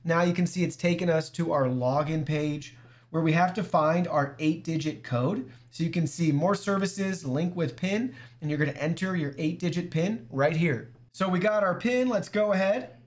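A man giving a relaxed, casual walkthrough of an app as a product reviewer, chatting directly to his viewers. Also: a little high, normal speed. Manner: easygoing, talks to viewers as "guys".

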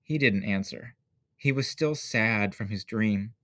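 A man reading a picture book aloud as narrator, with slow, expressive storytelling. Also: on the low side.

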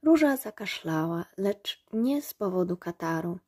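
A woman narrating a storybook aloud in a calm, measured way. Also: fairly low pitch, breathy edge. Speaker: reader. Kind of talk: audiobook narration.

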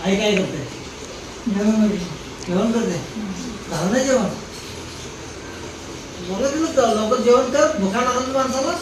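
Man far off in a boomy echoey room, noisy, keeps asking stuff and scolding. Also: animated, measured pace, pauses often. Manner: questioning, scolding.

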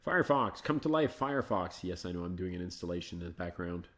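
A man with a somewhat low voice talks through a live screen demo. He thinks aloud in a loose, chatty way, coaxing stalled programs with friendly asides to viewers. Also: lively intonation, fast, fairly bright tone. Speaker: host of a live Linux show. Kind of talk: casual live screencast commentary.

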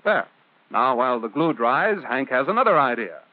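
Speaking at a moderate pace in a very animated mid-range voice, this American man narrates a 1950s instructional film. His phrasing is simple and chatty, aimed directly at a child. The dry recording has the muffled, telephone-like quality of an old film soundtrack.

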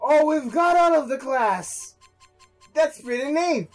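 A casual gameplay commentator reacting out loud while playing, cursing and grumbling at the game. The voice moves a lot in pitch, with faint game music underneath. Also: animated, takes it slowly. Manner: reacting with swearing and complaints. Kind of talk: casual let's-play commentary. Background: game music and audio.

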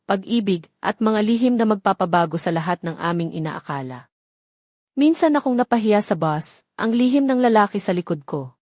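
A woman's voice: mid-range voice, darkish tone, dry recording, clean studio sound. A woman narrating a dramatic first-person story from a script in a heartfelt, emotional way.

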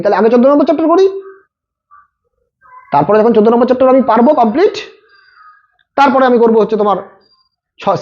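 A male maths tutor with a very high-pitched voice gives students last-minute exam tips, addressing them directly and repeating his points. He talks rapidly and coaches them head-on. The recording sounds muffled.

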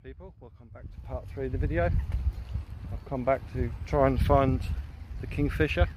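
A man's voice: mid-range voice, normal speed, lo-fi sound, noisy background. A man recording a casual outdoor video diary as a wildlife photography vlogger, talking hesitantly with many ums. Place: outdoors by water in nature.

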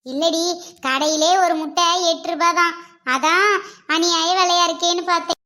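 A woman's voice: very high-pitched, little pitch movement, normal speed, pushed and bright. A woman playing a village mother who scolds and wails in a comic skit. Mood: bargaining. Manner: scolding, wailing. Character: loud fussing village mother.

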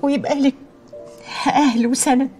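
An actress playing a loving older mother who prays softly for each of her children, speaking with an Egyptian accent. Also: high voice, fairly even intonation, moderate pace, soft background music, lightly acted. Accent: Egyptian Arabic. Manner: tender, prayerful, softly pleading. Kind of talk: Egyptian TV drama acting.

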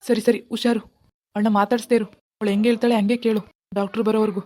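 A woman voicing a worried middle-aged husband and father in an animated family drama, calm and reassuring. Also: on the high side, fast talker, voice pushed down, natural voice.

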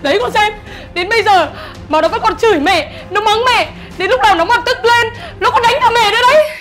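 Woman as a shrill old mother-in-law, very high voice, scornful, faint music behind. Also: brisk, a bit bright. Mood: wailing, shrill. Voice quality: shrill, scornful, melodramatic wailing. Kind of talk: web drama acting.

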